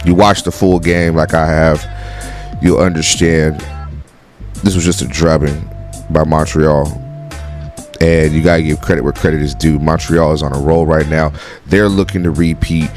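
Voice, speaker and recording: A bass-voiced man, a football coach hosting a reaction video, talks at a moderate pace over faint music. He is blunt, excitable and swears freely, and a sinus infection leaves his voice nasal and congested and his throat sore.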